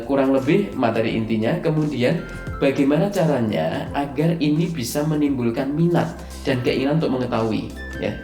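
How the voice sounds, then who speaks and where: In an echoey room with faint background music, a man teaches presentation skills over slides in a recorded lecture. His voice is mid-range and warm, and he uses hesitant fillers while emphasizing key words.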